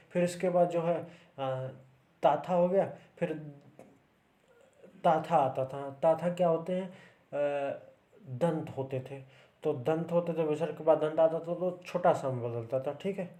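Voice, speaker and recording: Male grammar tutor, mellow tone and slightly high pitch, patient step-by-step exam-prep delivery. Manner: explains step by step with frequent checks like "ठीक है" and "है ना". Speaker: Hindi grammar teacher.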